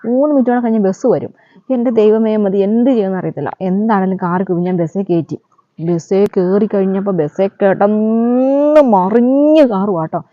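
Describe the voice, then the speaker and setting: A woman's voice: medium pitch, normal speed, dark tone, no echo. A woman, telling a story in a chatty vlog way and adding a friendly "you know" to her sentences. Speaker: vlogger. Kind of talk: casual storytelling. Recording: dull lo-fi dry recording.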